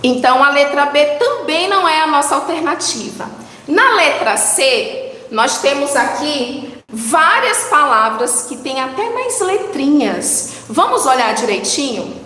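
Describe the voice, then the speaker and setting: A woman teacher counting syllables with young children, drawing out words slowly and coaxing answers with questions. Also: high voice, sing-song, bright, forceful tone, a little hiss or hum. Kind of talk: children's lesson, slow and sing-song. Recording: echoey room with long reverb.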